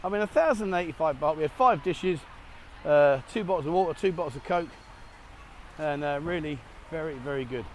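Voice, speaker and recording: A middle-aged man talks to his handheld camera at a cafe, rambling cheerfully and laughing at his own slips. His voice sits a touch high for a man. Faint street noise hums behind him. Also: expressive, a little fast. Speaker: travel vlogger. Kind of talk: casual vlog chat to camera. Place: cafe in Thailand, partly outdoors.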